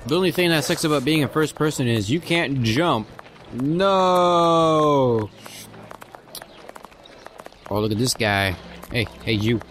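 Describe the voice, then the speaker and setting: A man's voice: medium pitch, expressive, fairly quick, hardly any pauses, fairly bright tone, slight background noise. A young man giving casual, joking commentary as he plays a video game. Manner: joking, goofy, chatty. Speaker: let's play host.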